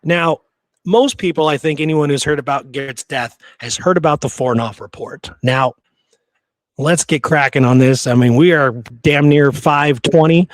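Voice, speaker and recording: A podcast host with a fairly high voice talks history at normal speed, keeping it casual and conversational while making blunt, opinionated remarks. There's no echo.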